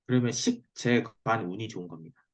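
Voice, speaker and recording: A man's voice: on the low side, fairly quick. A man explaining a lesson as a teacher on a video call, often checking that the listener follows. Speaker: fortune-telling teacher giving a lesson. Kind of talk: explanatory one-on-one online lesson. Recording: dull lo-fi video call audio.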